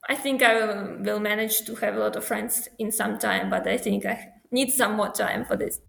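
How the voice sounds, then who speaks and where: Young ukrainian woman, bit of vocal fry, pauses and restarts, echoey room. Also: medium pitch, expressive, fairly bright tone. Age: young adult. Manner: thoughtful, halting non-native phrasing. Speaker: guest. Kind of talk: casual interview answers.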